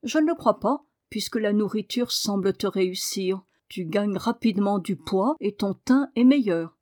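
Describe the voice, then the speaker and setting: A woman voicing a kindly, puzzled male doctor in an audiobook, gentle and reassuring. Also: mid-range voice, animated, normal speed, lightly acted. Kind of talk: audiobook reading.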